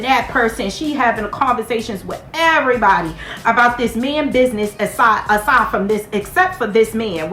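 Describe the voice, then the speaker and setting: Chatty high-voiced woman recapping TV. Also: echoey room. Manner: chatty, animated, talks straight to viewers. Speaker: TV show recap host. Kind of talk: casual TV recap commentary.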